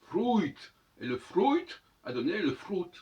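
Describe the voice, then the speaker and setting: A man's voice: mid-range voice, sing-song, a little slow, a bit bright. A man giving a spoken monologue lesson, teaching by repeating words over and over to sound them out. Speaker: lecturer on language and astrology. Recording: dull audio from a distant mic.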